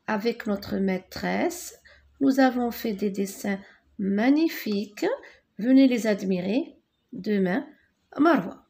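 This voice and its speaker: A woman teaching a French lesson, spelling out words syllable by syllable and repeating them slowly. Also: mid-range voice, gravelly, a little mellow.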